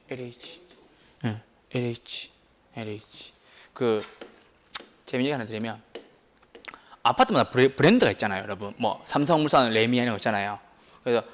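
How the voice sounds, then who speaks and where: A man lectures to exam students with a fairly high voice. His pitch swings widely as he teases the class and keeps firing questions at them. His delivery is animated and talkative throughout. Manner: animated, teasing, asks the class many questions. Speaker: real estate exam lecturer.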